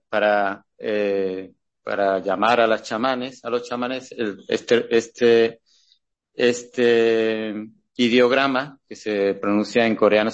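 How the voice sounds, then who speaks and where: A man giving a classroom lecture over slides, talking haltingly with many restarts and checking questions to the audience. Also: mid-range voice.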